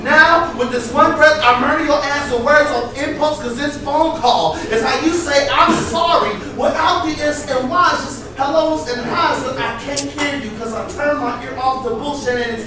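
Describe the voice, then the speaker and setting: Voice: sits high, moderate pace, hardly any pauses, crowd noise. A spoken word poet performing live, with an emphatic, impassioned, rhythmic delivery. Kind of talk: live performance poetry with sung passages. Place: live poetry event before an audience. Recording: echoey live venue, distant mic, audience noise.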